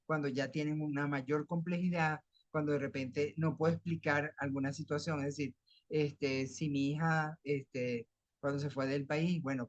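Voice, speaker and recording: A man's voice: fairly high pitch, no echo, lo-fi sound. Middle-aged Venezuelan man lecturing. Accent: Venezuelan Spanish. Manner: explains with homely everyday examples, frequent self-restarts. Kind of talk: academic lecture.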